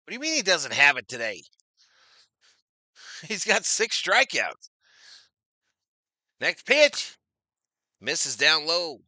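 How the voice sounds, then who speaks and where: A man doing casual live-stream baseball play-by-play, chatting with viewers and getting loud on big plays. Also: a little high, huge pitch swings, takes it slowly, pauses often, no room sound.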